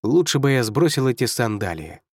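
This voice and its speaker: A man's voice: medium pitch, big pitch swings, moderate pace, no room sound. Bewildered young man, voiced by a male narrator: plaintive, confused, dry recording. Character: bewildered, fretful young man out of his depth. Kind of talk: audiobook character voice.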